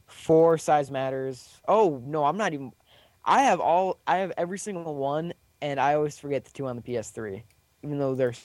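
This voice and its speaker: A man's voice: on the high side, darkish tone, dry recording. A young man hosting a casual gaming podcast, steering the talk and reading out news items.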